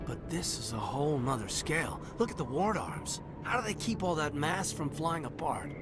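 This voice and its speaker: A man's voice: fairly high pitch, big pitch swings, normal speed, over music. An actor playing an earnest young male lieutenant who talks in an eager, slightly awkward way.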